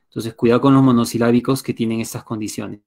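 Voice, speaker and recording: Fast and creaky, with a darkish tone and a steady medium-pitched voice, a male English teacher with a Peruvian Spanish accent conducts a live online lesson on his computer mic. He guides students through each step patiently and keeps stopping to see whether they're following.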